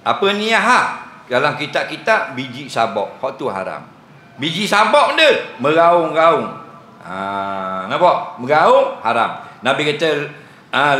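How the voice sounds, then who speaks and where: A male religious teacher with a Terengganu Malay accent delivers a jovial evening lecture full of teasing asides. His bright voice swoops widely in pitch. It rings through an echoey prayer hall with a faint hum of ambience. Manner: jovial and teasing, laughs often.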